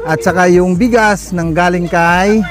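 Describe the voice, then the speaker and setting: Male charity vlogger, unhurried, laughing coaxing manner, phone-filmed outdoors, music bed behind. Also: high-pitched, steady tone. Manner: chatty, coaxing, often laughing. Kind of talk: casual on-location vlog talk. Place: outdoors at a house in the rain. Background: background music.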